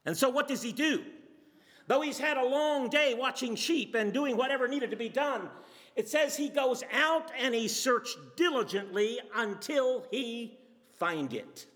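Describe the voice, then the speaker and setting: A man's voice: very high voice, unhurried, a bit bright. A man preaching a sermon, telling the story with dramatic shifts. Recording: long hall reverb.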